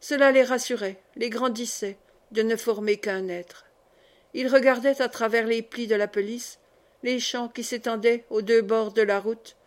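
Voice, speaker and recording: Woman reading a classic novel aloud. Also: on the high side. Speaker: audiobook narrator. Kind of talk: literary audiobook reading.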